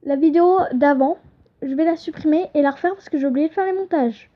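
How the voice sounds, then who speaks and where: A woman's voice: high-pitched, fairly quick. A young woman giving a casual home-made language lesson, chatty and hesitant, often correcting herself. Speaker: channel host teaching an invented language. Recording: dull lo-fi home recording.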